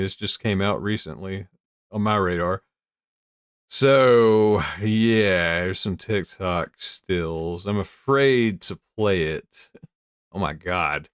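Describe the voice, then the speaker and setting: Male host, lower voice, amused casual news commentary, dry recording. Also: no echo. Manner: amused, easily breaks into chuckles. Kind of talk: casual commentary while reading news aloud.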